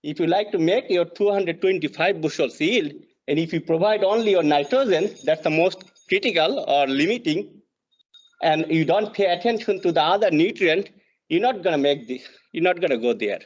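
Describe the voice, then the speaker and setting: A man from Bangladesh with a Bangladeshi accent delivers an extension lesson over slides, pausing often on fillers and restarting phrases. His voice sits fairly high for a man. The audio is dull and lo-fi, as from an online meeting. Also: animated. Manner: halting, frequent uh fillers and restarts. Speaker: extension soil fertility specialist.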